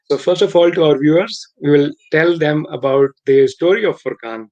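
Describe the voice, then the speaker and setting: A male host leads a casual live interview in a slightly higher voice. He sounds earnest and often repeats and rephrases his questions as he talks. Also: normal speed, a little mellow, poor audio.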